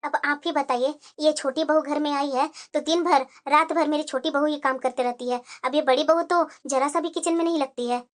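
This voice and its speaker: A woman's voice: high voice, fairly even intonation, a little fast, hardly any pauses, pitched below the performer's own voice, natural voice. Woman doing a stern, bossy mother-in-law. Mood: complaining. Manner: bossy, lecturing. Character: stern scolding middle-aged mother-in-law. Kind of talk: cartoon voice acting.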